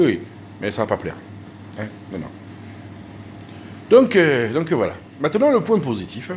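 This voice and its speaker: A man talks to his followers in a loose, joking vlog monologue. His voice sits low, and he keeps trailing off and restarting his sentences. A faint hiss of noise runs underneath. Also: a little mellow. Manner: rambling and joking, with many restarts. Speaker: YouTuber.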